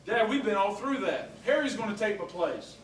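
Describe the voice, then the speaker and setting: A man's voice: high voice, very animated, moderate pace, slight background noise. A man acting an eager, restless young traveler in a community theatre musical, recorded from far off on stage. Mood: frustrated. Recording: distant echoey stage recording, loud music.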